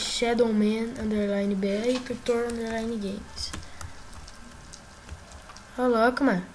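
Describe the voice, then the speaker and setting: A woman with a Brazilian Portuguese accent giving casual gameplay commentary as a gaming YouTuber, excitable and often yelling at the game. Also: medium pitch, slight background noise.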